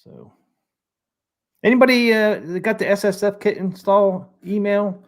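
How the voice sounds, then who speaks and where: A man with a high-pitched voice talks at a measured pace and steady tone. He's hosting a casual live stream, easygoing as he chats and reads out viewer comments.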